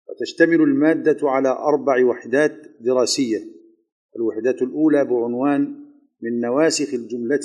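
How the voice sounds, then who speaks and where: A man delivers a formal lecture opening. His delivery is measured and steady, in careful classical diction. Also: mid-range voice.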